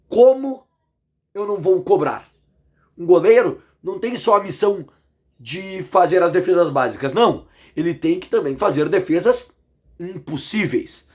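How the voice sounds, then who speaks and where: Speaking in a casual vlog, a Brazilian-accented football commentator picks apart a match, hammering his points with indignant emphasis. His voice is fairly high and hoarse, though a little mellow.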